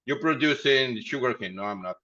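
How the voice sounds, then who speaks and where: A company founder guesting on a podcast talks a little fast in a bright, forceful, animated voice of medium pitch. He rambles through his story in a casual interview, laughing often, captured in dull lo-fi audio.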